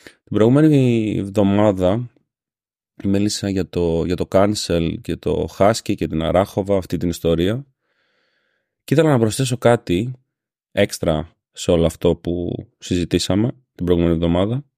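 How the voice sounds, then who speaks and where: A man's voice: low voice, dark tone, no room sound, clean studio sound. A man from Greece with a Syros island accent, hosting a casual monologue podcast, a little ill and grumbling, telling a story sarcastically. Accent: Syros island Greek. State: slightly ill. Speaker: podcast host. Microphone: home podcast microphone.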